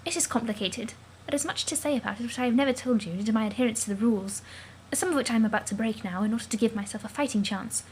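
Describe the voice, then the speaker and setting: A woman voicing a shy, formal alien girl who speaks softly in prim, proper phrasing. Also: a little high, quick pace, a little hiss or hum, lightly acted, low-quality recording. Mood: earnest.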